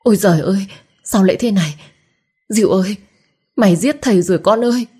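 A woman's voice: lowish voice, unhurried, mellow, breathy edge. A woman voicing a grieving older village mother who pleads tearfully in a storybook reading. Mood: pleading.

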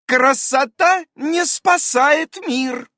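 Audiobook witch: male reader doing a fussy mother who scolds in a high, chirpy voice, dry and close. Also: drawn-out words, bright, forceful tone, dry recording, exaggerated voice. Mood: scolding.

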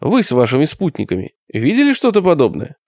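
Man narrating an audiobook in lively tones. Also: a little high, dry recording, clean studio sound. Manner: measured, tense storytelling. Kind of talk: scripted first-person narration.

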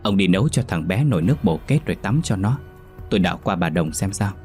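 A grave older village scholar gives warnings in a deep, low voice, as a male storyteller plays him. He talks solemnly and a little quickly, from a spoken ghost story with faint music underneath. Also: lively intonation, darkish tone.

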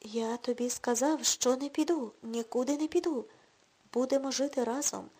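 A drunken, boastful has-been of a man, middle-aged and sure of his own charm, read by a woman. He pushes and coaxes in a high, husky voice. An audiobook reading. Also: normal speed, mellow. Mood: pushy. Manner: pushy and self-assured, coaxing.

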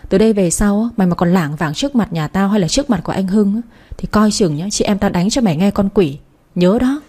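A woman voicing a blunt, sharp-tongued young woman who taunts her rival. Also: medium pitch, lively intonation, fairly quick, breathy edge. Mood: threatening. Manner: mocking, taunting.

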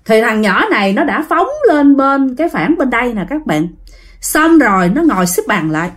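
A woman tells ghost stories in a chatty, conversational way, often turning to speak straight to her listeners. Her voice sits a little high and moves up and down with lively swings. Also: normal speed. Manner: chatty, addresses listeners directly. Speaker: storyteller. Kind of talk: ghost story narration.

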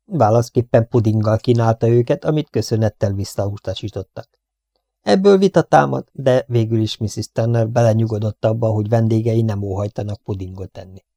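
A man narrates a novel in an even, measured way. His voice is warm and mellow, recorded close on a dry, dead-sounding mic. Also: fairly low pitch, no echo. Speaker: audiobook reader. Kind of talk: scripted narration.

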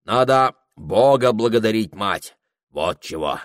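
A man doing a low, hearty glutton priest. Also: expressive, a little slow, no echo, studio quality. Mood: hearty gluttonous. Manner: hearty, unctuous, drawling. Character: gluttonous jovial old village priest.

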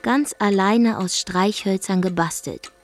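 A woman's voice: mid-range voice, unhurried, faint music behind, natural voice. An actress narrating a radio drama monologue as a brash, defiant young woman from Zeeland, with a dry, wry storytelling manner. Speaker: first-person narrator.

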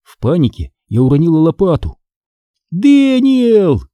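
A man narrating a children's storybook with expressive, dramatic pacing. His voice is dark and mellow with a husky grain, and it rises and falls widely. Close and dry, with no room sound. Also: mid-range voice, moderate pace, no echo. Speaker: audiobook narrator.

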